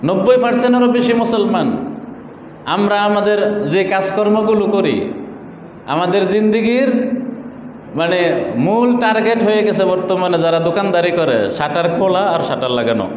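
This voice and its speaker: A man giving a sermon, asking rhetorical questions and answering them in a lower voice. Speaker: mufti preacher. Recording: echoey hall with faint background noise.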